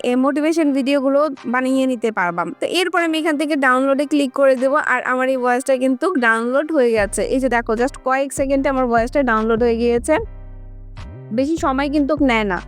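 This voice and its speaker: A woman hosts a casual how-to tutorial, walking her viewers through it step by step and addressing them directly. Her voice sits high, she talks fast, and faint music plays behind her.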